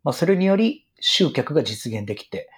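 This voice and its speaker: Middle-aged man, very husky voice, lively swooping pitch, earnest and emphatic, interview explainer. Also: moderate pace. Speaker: retail business guest expert. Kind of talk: interview explanation of business strategy.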